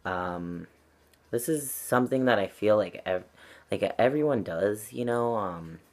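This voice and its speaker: A young man, a channel vlogger, talks earnestly and reflectively to camera at home with his cat, using frequent ums and likes. His voice is on the low side, expressive and a little slow.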